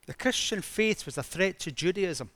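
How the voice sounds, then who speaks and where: A man delivers a sermon in a fairly high voice, telling the story with dramatic, emphatic rises. The sound is dry and close, with no room echo. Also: animated, normal speed, fairly bright tone. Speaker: preacher.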